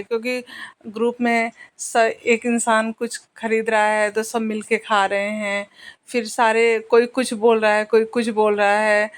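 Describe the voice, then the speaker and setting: A young woman narrating her family trip in a casual, rambling vlog, talking to her viewers as friends. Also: on the high side. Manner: chatty, addresses viewers as friends; rambling with fillers and restarts. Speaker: family vlogger.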